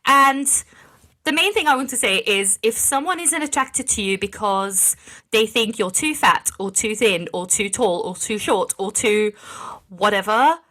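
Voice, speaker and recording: A woman's voice: medium pitch, lively intonation, unhurried, sharp tone. A woman in her thirties co-hosting a podcast, chatting earnestly and laughing often. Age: 30s. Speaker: podcast co-host. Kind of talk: casual podcast chat.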